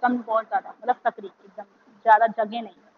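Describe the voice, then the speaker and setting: A woman's voice: a little high, little pitch movement. A woman teacher with an Indian accent, giving a vocabulary lesson to children, spelling each word letter by letter before explaining it. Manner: spells words letter by letter, then explains slowly. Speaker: school teacher. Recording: muffled lo-fi recording with faint background hiss.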